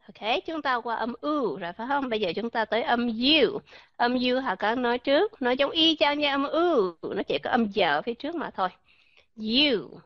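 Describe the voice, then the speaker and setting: A woman's voice: fairly high pitch, lively intonation, normal speed, dry recording. A woman teaching English pronunciation in a live online class, chatty, tossing in "ok" and rhetorical questions. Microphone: computer mic in a voice chat room. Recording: dull lo-fi online voice chat audio.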